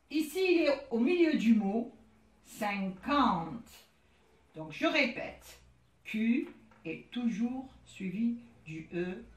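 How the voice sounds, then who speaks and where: Brief: female primary teacher, high voice, very slow and deliberate, spelling out each letter; echoey room. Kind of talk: recorded classroom lesson.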